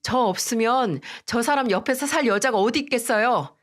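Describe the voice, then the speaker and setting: A woman's voice: a little high, moderate pace, lightly acted. Woman reading as a snappish defiant daughter-in-law. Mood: cold, mocking. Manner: snappish, dismissive. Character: angry defiant young wife, daughter-in-law.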